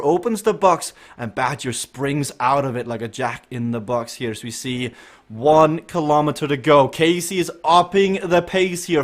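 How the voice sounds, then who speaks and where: A man hosting and commentating a virtual cycling race, building excitement toward the finish and chatting with riders. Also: fairly high pitch. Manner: excitable, rising to shouts at the finish. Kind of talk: live esports cycling commentary.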